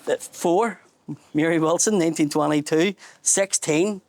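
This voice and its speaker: A man's voice: a little high, measured pace, a little mellow, no room sound. A man with a Belfast accent leads a casual outdoor tour, holding a small handheld mic. He tells local history bluntly and swears freely. The sound is dry and close. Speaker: tour guide and comedian host. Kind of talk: casual guided tour chat. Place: outdoors at a memorial garden in a housing estate.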